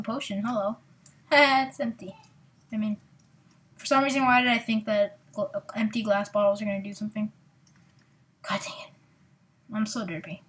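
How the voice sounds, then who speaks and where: A woman hosting her own gaming channel, giving excitable, rambling, self-mocking let's-play commentary into a desktop mic. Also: medium pitch, a little hiss or hum.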